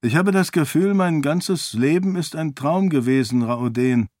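Audiobook: man doing a young man, earnest and wondering, noticeably raised pitch. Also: unhurried, a little mellow, no echo, natural voice. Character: young man, newly healed, precise with numbers.

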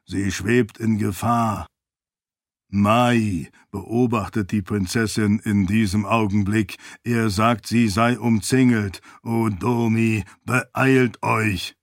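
A man's voice: on the low side, fairly even intonation, slow, dry recording, clean studio sound. A man voicing an anxious spirit servant. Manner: urgent, fearful, deferential.

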